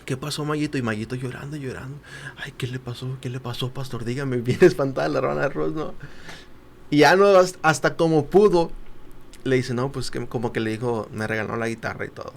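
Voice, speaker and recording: A young man, a podcast guest telling a personal story. He acts out the quoted voices and turns quiet at the emotional parts. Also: mid-range voice, fairly even intonation, brisk, gravelly. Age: young adult. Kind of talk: casual storytelling.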